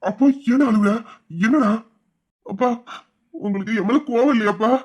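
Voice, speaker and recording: A man's voice: sits high, normal speed. A man playing a devoted young adult son who speaks earnestly and emotionally to his father. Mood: tearful, earnest. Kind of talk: audio drama acting.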